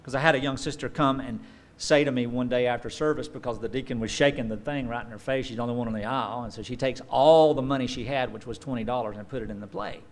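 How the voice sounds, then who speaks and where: A pastor in his forties with a mid-range voice preaches fast from a lectern on a church stage with a dark curtain. He tells stories animatedly and acts out the voices of people he quotes, picked up by a stand mic at the lectern.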